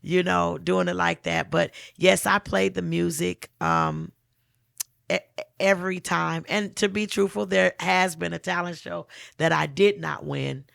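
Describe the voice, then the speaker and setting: A woman guest talking about her singing in an unhurried, drawn-out way. Her voice is gravelly and bright, with a big, strong tone. The sound is dry and close. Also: on the low side, no echo. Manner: animated, laughs often, strong big voice. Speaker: guest singer, talent show winner. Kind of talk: casual interview chat.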